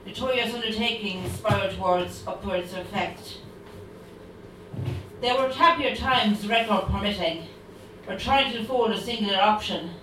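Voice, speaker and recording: A woman recites her poem line by line, in a steady and declamatory manner. She is heard from afar in a room full of echo, with a faint hiss. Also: mid-range voice, normal speed. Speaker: poet reading her work. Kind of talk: poetry reading. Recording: distant, very echoey room.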